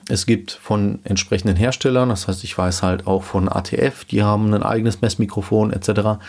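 A man in his thirties explaining gear in a casual home-studio vlog, relaxed with many fillers, into a dynamic studio mic. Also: fairly low pitch, a little fast, gravelly. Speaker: YouTube host explaining car audio gear. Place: small home studio room indoors. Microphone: dynamic studio mic in front of him.

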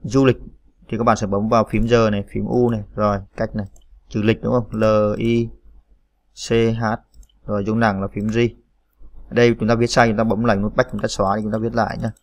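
A man's voice: fairly low pitch, level tone, brisk, dry recording. A man hosting a computer typing tutorial, spelling out keys letter by letter with frequent "à" fillers. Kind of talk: screen-recorded typing tutorial.

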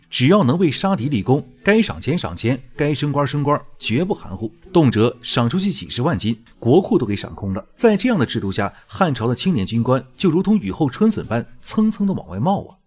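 A man's voice: mid-range voice, darkish tone. A man narrating a drama recap as joking, colloquial, scripted storytelling commentary. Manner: wry, colloquial, playful.

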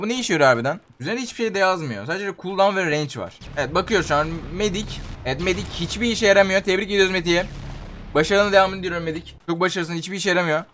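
Young male gamer, high voice and quick delivery, chatty and exasperated commentary for viewers. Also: fairly bright tone, slight background noise. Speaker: gaming YouTuber. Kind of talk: excited gameplay commentary.

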